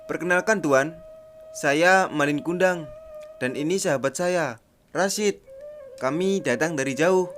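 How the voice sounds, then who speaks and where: A man's voice: fairly high pitch, measured pace, long pauses, a bit bright, soft background music. A man playing an earnest, devoted young village son in a radio drama, with formal theatrical delivery. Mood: humble, grateful.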